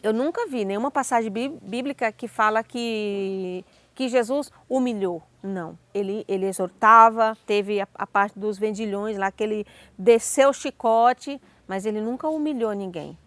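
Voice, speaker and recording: A woman with a Brazilian Portuguese accent who tells her life story as a personal testimony in an animated way, acting out the dialogue. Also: mid-range voice, normal speed, dry recording.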